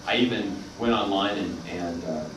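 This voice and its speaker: A man's voice: sits low, moderate pace. A man telling a long story at a convention panel, rambling with many fillers. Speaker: panel guest. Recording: echoey hall from far off, noisy.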